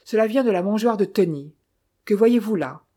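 A woman reading the lines of a small, courteous older male detective in formal, measured speech. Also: medium pitch, expressive, mellow, husky.

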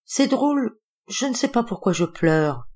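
A woman's voice: mid-range voice, sing-song, measured pace, a little mellow, slightly rough, voice pushed up. A woman reading the part of an older dog owner who is grieving, prim and scolding, then tearful as she confides. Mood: tearful confiding. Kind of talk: audiobook character reading.

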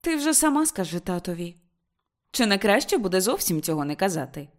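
A woman's voice: mid-range voice, big pitch swings, a little fast, lightly acted. Woman reader doing a middle-aged mother, firm, cool, disapproving; audiobook.

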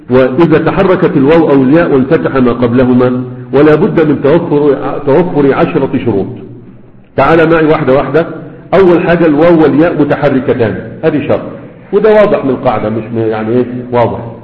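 A man's voice: medium pitch, quick pace. A man with an Egyptian accent teaching a grammar lesson to a class, explaining step by step and asking and answering his own questions. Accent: Egyptian Arabic. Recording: echoey hall over tinny phone-like sound.

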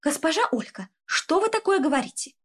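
A woman's voice: very high voice, big pitch swings, a little fast, a bit bright, pitched above the performer's own voice, exaggerated voice. A woman voicing a strict, reproachful female assistant headmistress in a storybook reading. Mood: indignant. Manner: reproachful, indignant.

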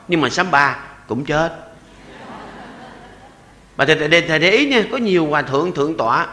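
A man in his sixties, a Buddhist monk with a Southern Vietnamese accent, delivers a playful sermon in a bright, fairly high voice. His pitch swings widely as he jokes with listeners. He slows down to recite verses and repeated chants. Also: reverberant, big-room sound, a little hiss or hum. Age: 60s. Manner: lively and joking, often chuckling. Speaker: Buddhist monk giving a dharma talk.

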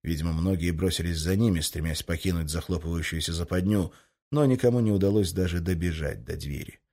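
A male narrator reads an action-packed audiobook with a fairly low voice. His delivery is brisk and tense, carrying the action forward. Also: dark tone. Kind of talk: scripted narration.

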